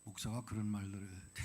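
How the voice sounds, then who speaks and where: A male missionary preaching a sermon in a church, blunt and provocative with the congregation, swinging from hushed whispers to loud outbursts. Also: on the low side, slight background noise. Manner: dramatic, drops to whispers then bursts out loudly. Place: church sanctuary.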